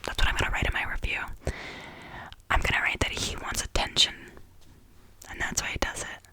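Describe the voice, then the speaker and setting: A woman venting in a casual ASMR whisper, exasperated and sardonic, rambling and repeating her phrases. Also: fairly quick. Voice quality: whispery, breathy with creaky edges. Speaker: ASMR creator.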